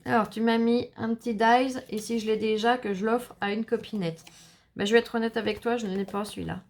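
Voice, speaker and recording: A woman vlogger chatting casually to viewers while opening a scrapbooking parcel, gushing and enthusiastic with a slightly gravelly voice. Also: a little high, fairly even intonation, fairly quick, darkish tone. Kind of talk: casual unboxing chat to viewers.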